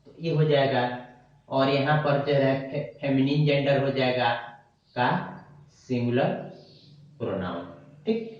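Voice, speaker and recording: A man teaching a grammar lesson, who repeats words slowly as he writes them on a board. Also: mid-range voice, steady tone, a little mellow. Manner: slow, repeats terms while writing on a board. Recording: dull echoey room, mic far off.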